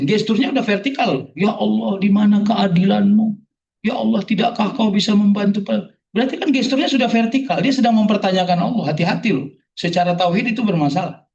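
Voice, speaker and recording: A man preaching a sermon to a gathering, joking and firing rhetorical questions at the audience. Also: high-pitched. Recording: distant, dull hall recording.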